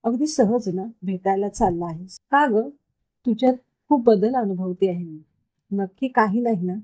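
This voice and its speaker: A woman voicing a quick-tempered young woman who teases and scolds her friend, in a storybook reading. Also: medium pitch, dark tone, slightly rough, lightly acted. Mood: sulky.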